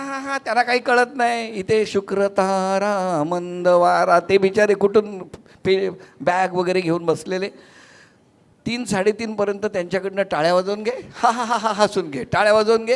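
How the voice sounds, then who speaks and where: A man with a notably high voice hosts a stage conversation. He tells a story with animated energy and acts out each line of dialogue as he goes. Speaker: host. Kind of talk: lively stage anecdote.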